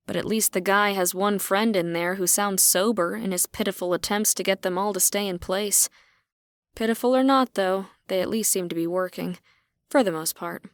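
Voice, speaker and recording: A woman's voice: medium pitch, clear, resonant tone, dry recording. Sex: woman. Role: audiobook narrator. Style: first-person narration. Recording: dry.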